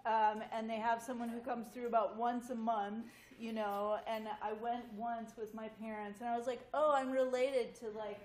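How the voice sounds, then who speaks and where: Recorded with roomy echo in a big wood-paneled community hall, an American guest speaker in her forties shares family stories informally with a group. She speaks at a moderate pace with a fairly high, slightly mellow voice, flat delivery, and hardly any pauses.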